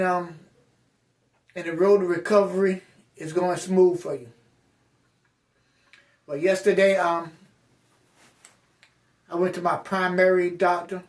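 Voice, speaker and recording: This man vlogs to his viewers with a casual personal update, his high voice picked up from a distance. He slurs his words and talks bluntly and meanderingly, constantly using fillers and starting over.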